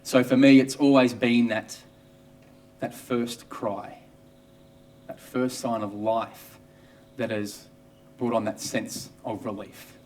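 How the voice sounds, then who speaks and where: A man's voice: mid-range voice, darkish tone, far from the mic, slight background noise. Wry Australian man telling his story. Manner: wry, dry humour. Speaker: obstetrician. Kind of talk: first-person storytelling monologue.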